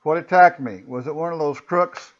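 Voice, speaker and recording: A man voicing a stern, suspicious male police officer, speaking gruffly and impatiently. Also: on the high side, moderate pace, lo-fi sound, lightly acted. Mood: dazed.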